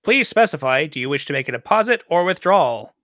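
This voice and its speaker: Robotic vault guardian, as a man puts it on, flat mechanical clerk voice, brightish tone, dry close sound. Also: a little high, quick pace, dry recording. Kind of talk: tabletop game master voicing a figure.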